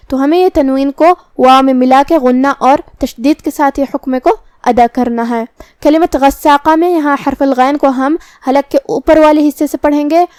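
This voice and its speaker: A woman teaching Quran recitation, explaining each letter patiently and reciting verses slowly and precisely. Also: sits high, darkish tone, dry recording, studio quality. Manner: precise, patient, drawn-out articulation of each sound. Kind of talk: slow, careful tajweed lesson with recitation.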